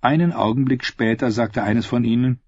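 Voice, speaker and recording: A man narrating an audiobook in an expressive, measured way. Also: medium pitch, slightly rough, no room sound, muffled recording.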